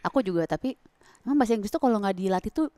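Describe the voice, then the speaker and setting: A woman hosting a casual podcast interview, talking in an animated, exclamatory way. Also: medium pitch, very fast, no echo. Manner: animated, exclamatory, acts out quotes. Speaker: podcast host. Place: podcast studio.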